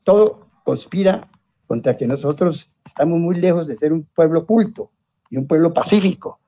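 A slightly rough, mellow, a little high voice belongs to an older Colombian-accented lawyer and science popularizer guesting in an interview. At a moderate pace and with lively intonation, he tells rambling anecdotes full of asides, tag questions, exclamations and self-corrections. The sound is dry and lo-fi.

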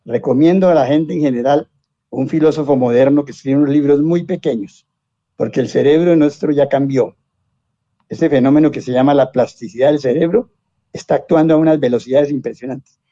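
A man's voice: mid-range voice, fairly quick, warm tone, dry recording, dull audio. An older man with a Colombian accent, a lawyer giving a rambling, anecdotal interview full of asides and self-corrections. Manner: discursive, tag questions and exclamations, self-corrects. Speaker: lawyer and science popularizer, interview guest.

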